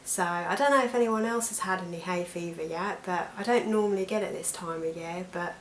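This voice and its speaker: A British woman with a croaky, allergy-affected voice, chatting casually to camera as a weight loss vlogger. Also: fairly low pitch, fairly quick. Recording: echoey room with background noise.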